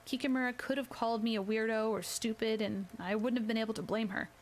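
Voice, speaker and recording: A woman reading her own novel aloud in a quiet, soft first-person voice as a whispered role-play. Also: a little high, fairly even intonation, fast. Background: rain and crackling fireplace.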